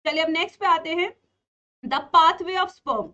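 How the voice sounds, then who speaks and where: A woman with a high voice teaching an exam revision lesson. She keeps firing questions at her students and answering them herself, slipping in playful jokes. The sound is a little dull and lo-fi. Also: a little slow, sharp tone. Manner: playful, mixes in filmi jokes. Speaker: biology teacher.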